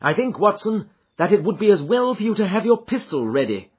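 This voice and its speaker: A man playing a keen, commanding Victorian detective, talking high, brisk and emphatic on a dull recording. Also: sing-song, breathy edge, heavily acted. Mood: urgent.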